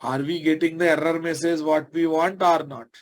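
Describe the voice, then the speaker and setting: A man with a Telugu Indian accent and a slightly higher-pitched voice teaches programming. He talks informally and conversationally, as an instructor in a live lesson. He often addresses his listeners directly and puts checking questions to them. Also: steady tone, moderate pace.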